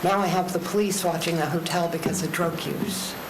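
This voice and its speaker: A woman's voice: fairly low pitch, fairly even intonation, brisk. An older woman gives earnest, plain-spoken, personal comments as a resident at a public meeting. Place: indoor public meeting chamber. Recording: echoey meeting room with clear background noise.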